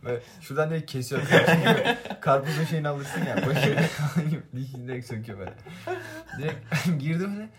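A man's voice: a little high, normal speed, a loud crowd. Young man telling stories, laughing. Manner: storytelling with frequent laughs and slang. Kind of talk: casual chat among friends.

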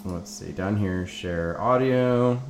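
A man's voice: deep voice, slow. A man co-hosting a podcast in casual chat, joking and laughing often. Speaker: podcast co-host.

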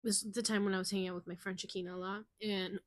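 Deadpan young woman with crude quips. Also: medium pitch, brisk, dry recording. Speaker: podcast co-host. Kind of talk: casual chat.

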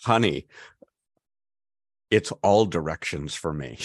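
Man, fifties, very low voice, podcast co-host, chatty, restarts a lot. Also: slow pace, creaky, husky. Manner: rambling, animated storyteller with many restarts. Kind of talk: casual chat, storytelling.

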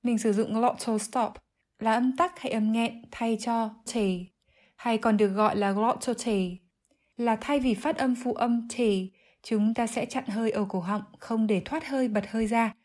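A woman giving an English vocabulary lesson, explaining clearly and methodically, word by word. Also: on the high side, steady tone, unhurried, darkish tone. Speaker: English teacher.

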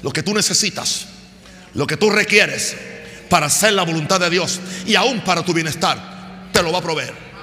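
A middle-aged pastor with a high, piercingly bright voice preaches a fervent sermon. He shouts his calls to the congregation, then sinks into quiet storytelling. His voice rings through a large church with a long echo, and soft music plays underneath. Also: normal speed.

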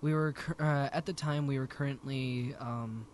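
A man's voice: medium pitch, fairly even intonation, normal speed, a little hiss or hum. A man speaking hesitantly as a player in a casual tabletop game, often restarting his sentences.

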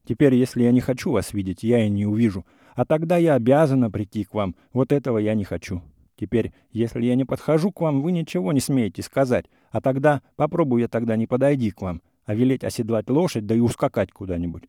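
A man voicing a sharp-tongued, mocking young woman in a classic story reading, with an ironic, teasing manner. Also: mid-range voice, expressive, quick pace, no echo, studio quality, lightly acted. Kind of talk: audiobook character reading.

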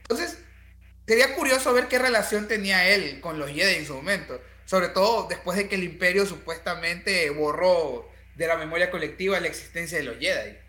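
A man with a high, bright, sharp voice. He talks in a laid-back, slangy way on a casual podcast. The room around him is echoey. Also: moderate pace. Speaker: podcast co-host.

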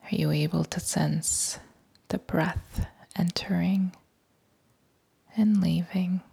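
A woman whispers her way through a guided body-scan meditation, calm and unhurried. Her voice is slow and low-pitched, with a breathy, gravelly grain.

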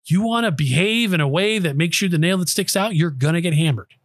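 Male podcast host, sarcastic and emphatic monologue, slightly high voice, dry close mic. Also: a little fast, no echo. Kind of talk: political commentary monologue. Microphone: close studio microphone.

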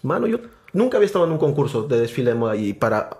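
A young man with a Peruvian Spanish accent, a podcast guest telling his story in an animated, casual way and calling the hosts "brother". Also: mid-range voice, rapid-fire. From Peru.

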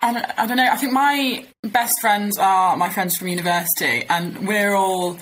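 A woman's voice: mid-range voice, moderate pace, a bit bright, slight background noise, poor audio. A young woman, an athlete chatting modestly and laughing easily as an interview guest. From East Yorkshire, England. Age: 20s. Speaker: ocean rowing athlete, guest. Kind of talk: casual interview chat.

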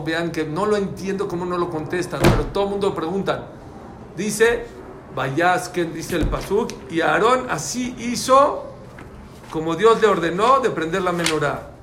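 A man whose voice is a little high and a bit bright gives an emphatic religious lesson, repeating central phrases and questioning his students. The recording carries room echo and faint background noise.

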